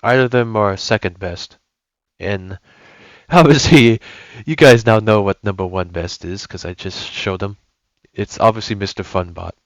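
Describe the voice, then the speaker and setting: A man's voice: lowish voice, measured pace, no echo, poor audio. A young man giving casual, rambling gameplay commentary, often correcting himself as he goes. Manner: rambling, self-correcting, enthusiastic. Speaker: gaming YouTuber.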